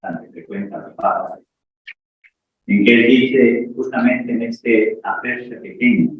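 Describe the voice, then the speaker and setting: A man, a priest, giving a conversational talk to a parish group, pausing on fillers and restarting phrases as he thinks aloud. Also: medium pitch, steady tone. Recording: echoey room heard from far off, dull sound.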